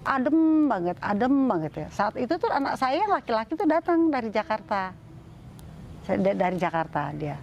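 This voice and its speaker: A middle-aged woman tells her own story in a relaxed, chatty interview. She talks with many fillers and restarts and slips into the voices of the people she quotes. Faint background noise and birdsong sit behind her voice. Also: fairly high pitch, moderate pace, highs cut off. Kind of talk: casual personal storytelling.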